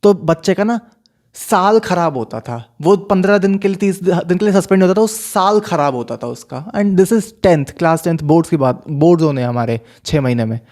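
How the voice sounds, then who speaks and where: A young man casually telling a story from his school days, animated, mixing in English phrases. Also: high voice, normal speed. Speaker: storyteller vlogger.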